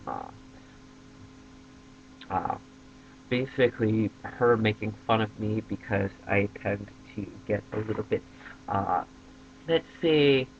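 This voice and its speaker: A young man casually telling a funny story to his camera as a vlogger, lively and given to squealing when excited. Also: lowish voice, vocal fry, slight background noise. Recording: dull lo-fi webcam audio.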